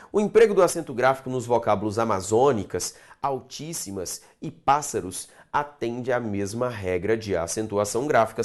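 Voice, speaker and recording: Lively male grammar teacher. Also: medium pitch. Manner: lively, drawn-out syllables, rhetorical questions. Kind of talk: exam-prep grammar lesson.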